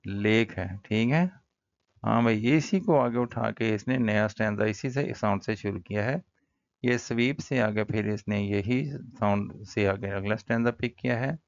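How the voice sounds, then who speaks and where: A male teacher with a Pakistani accent, giving a casual poetry lesson that mixes Hindi-Urdu explanation with slow, careful reading of English lines. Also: lowish voice, dry recording. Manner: casual, addresses students as brother. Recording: dull lo-fi recording.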